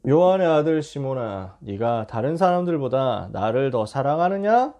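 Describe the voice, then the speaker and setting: A man voicing a gentle, caring teacher in a sermon retelling, speaking soft and tender. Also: medium pitch, very animated, normal speed, dull audio, slight background noise.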